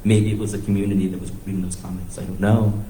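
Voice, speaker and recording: This comics writer talks fast in a deep, dark voice with little pitch movement. An American from the northeastern United States and Thailand, he casually tells personal stories at a live panel, cutting himself off as he thinks aloud. The room echoes, and faint background noise is present.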